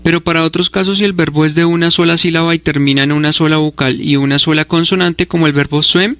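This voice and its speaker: A man narrating a scripted English grammar lesson, explaining rules clearly and spelling out letters one by one. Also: a little high, steady tone, fast talker, fairly bright tone, dry recording, dull audio. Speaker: English teacher.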